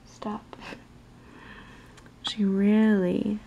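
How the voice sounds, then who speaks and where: A young woman giving a soft-spoken, whispered ASMR chat in a gentle, unhurried, soothing murmur. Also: mid-range voice, flat delivery, dull audio. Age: young adult. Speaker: ASMR video maker.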